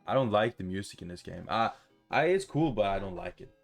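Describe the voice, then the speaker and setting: This fairly low, creaky male voice moves at a brisk clip as he narrates a visual novel for a gaming video. He's loose, expressive and foul-mouthed, adding playful asides, with soft music in the background.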